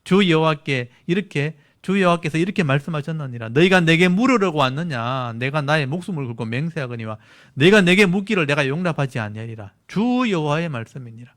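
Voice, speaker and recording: A man's voice: fairly high pitch, expressive, moderate pace, a bit bright. A male pastor reading God's words aloud in a stern, angry tone, as if God is rebuking the elders. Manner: stern, indignant scripture reading.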